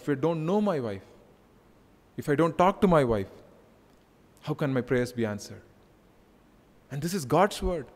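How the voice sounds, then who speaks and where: A man's voice: medium pitch, in a large hall. A male pastor with an Indian English accent, preaching an earnest sermon to his congregation, often repeating phrases and using "you know". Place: church hall.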